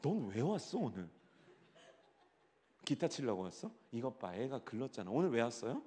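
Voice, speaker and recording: A middle-aged man preaching a youth-worship sermon, teasing the crowd, dropping to a hush and then rising to a shout. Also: mid-range voice, normal speed. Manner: animated, teasing the audience, swings from hushed to shouting. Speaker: pastor. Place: large church hall. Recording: long hall reverb.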